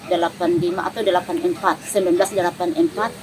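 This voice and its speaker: A woman with an Alor accent, answering interview questions in a soft, plain village manner. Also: fairly low pitch, steady tone, fast talker. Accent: Alor, East Nusa Tenggara. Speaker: interviewed family member. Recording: outdoor field recording with clear background noise.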